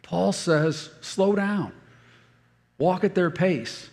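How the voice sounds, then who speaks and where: Speaking extremely slowly with vocal fry, this pastor's high, slightly mellow voice fills a church hall that has a big-room sound. His sermon is built on storytelling, and he performs the voices of those he quotes.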